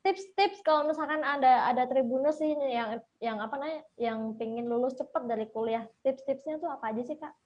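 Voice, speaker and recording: Chatty high-voiced woman interview host. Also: fairly quick, a little mellow, muffled recording. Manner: chatty, upbeat, frequent fillers. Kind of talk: casual online interview.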